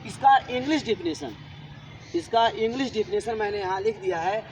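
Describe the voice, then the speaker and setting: A man's voice: sits high, normal speed, slight background noise, low-quality recording. A man teaching a classroom grammar lesson, repeating points and asking his students questions. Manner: repetitive, asks students questions.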